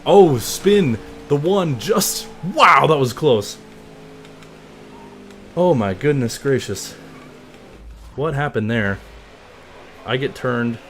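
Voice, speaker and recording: Young male streamer, live game play-by-play, excitable announcer style, mid voice, faint background hum. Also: medium pitch, takes it slowly, pauses often. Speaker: gaming streamer. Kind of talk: live racing game commentary.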